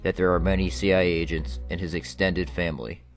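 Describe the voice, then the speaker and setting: A man reading documentary narration in a flat, declarative way. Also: deep voice, fast, faint music behind.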